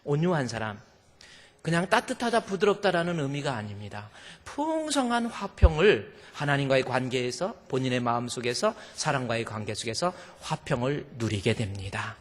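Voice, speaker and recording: A man preaching a sermon as pastor, lively, acting out quoted voices with humor, in a church sanctuary. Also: medium pitch, moderate pace. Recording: long hall reverb.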